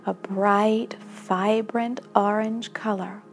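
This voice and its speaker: A woman narrating a guided meditation in a soft, soothing manner with long pauses between phrases. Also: mid-range voice, steady tone. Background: background music.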